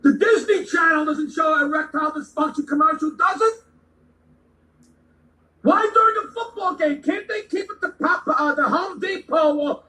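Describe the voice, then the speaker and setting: Brief: man, high bright voice, heated comic rant, stammers and swears, recorded off-mic in a roomy space. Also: recorded from a distance. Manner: shouting, stammering repeats, swearing. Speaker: ranting guest segment speaker. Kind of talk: angry comedic rant. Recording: echoey room, away from the mic.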